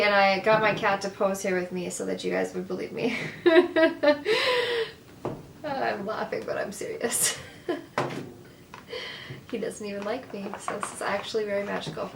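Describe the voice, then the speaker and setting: A woman's voice: medium pitch, fairly bright tone, a little hiss or hum. Chatty giggly woman vlogger, echoey room. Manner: chatty, giggly, lots of fillers. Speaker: makeup vlogger doing a tarot reading. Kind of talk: casual chat to camera.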